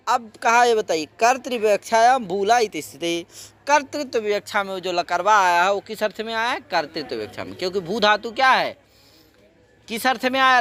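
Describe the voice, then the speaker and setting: Male grammar teacher, high and very animated voice, lilt, question-and-answer classroom style, chants the rules. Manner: animated, keeps asking students questions and answering them himself. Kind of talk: classroom lecture.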